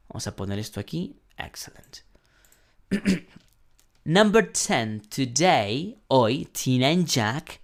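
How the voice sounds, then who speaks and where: A man teaching an online English lesson, slowly modeling sentences and translating them, often clearing his throat. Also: medium pitch. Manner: slow, patient explaining, modeling English sentences then translating.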